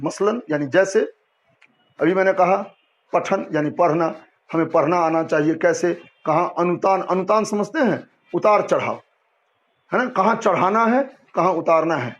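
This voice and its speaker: A man teaching a Hindi language lesson to students, explaining patiently and often asking and answering his own questions. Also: sits high. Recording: dull lo-fi sound.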